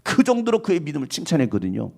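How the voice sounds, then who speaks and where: A male pastor preaching a sermon in an animated way, at times acting out the voices he quotes. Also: a little high, rapid-fire, gravelly.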